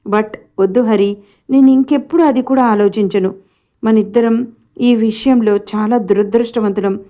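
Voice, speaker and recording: A sorrowful, resigned mother left behind by her husband, as a woman narrator voices her. Her tone is mellow and soft-edged, with a weary heaviness. This is a reading from an audio storybook. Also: fairly high pitch, steady tone, normal speed, lightly acted. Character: grieving abandoned middle-aged mother.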